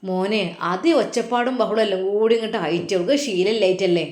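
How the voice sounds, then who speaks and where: A woman's voice: medium pitch, fast, a little mellow, natural voice. A woman voicing an evasive middle-aged mother who coaxes and scolds her son, with a Malappuram Malayalam accent, in a roomy echo. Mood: coaxing, scolding. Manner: coaxing, scolding.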